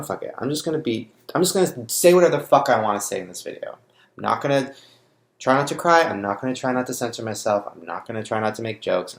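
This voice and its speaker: Young guy vlogging, swears a lot, rambly and raw, gravelly voice in an echoey room. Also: fairly low pitch. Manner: blunt, profane, rambling, raw with grief. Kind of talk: unscripted confessional monologue to camera. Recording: roomy echo.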